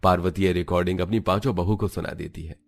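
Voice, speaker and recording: Narrating a family cartoon, a man reads the script evenly from one scene to the next in steady storytelling fashion. His voice is very low, deep and creaky, and he speaks fast.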